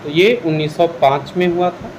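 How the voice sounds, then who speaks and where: An Indian-accented history teacher poses and answers questions in an instructional exam revision lesson, speaking at a moderate pace in a fairly high, darkish voice. The audio is poor, with a little hiss or hum.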